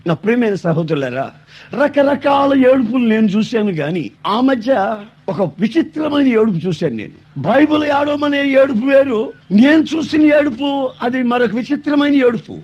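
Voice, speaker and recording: A man preaching a sermon, telling stories and building to loud, emphatic declaiming. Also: extremely high pitch, dull audio.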